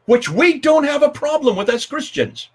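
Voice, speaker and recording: His voice is extremely high and expressive, at a normal speed. An older guest apologist, he tells a story with emphatic repetition and lots of gestures during a panel discussion, calling in by webcam from his home study.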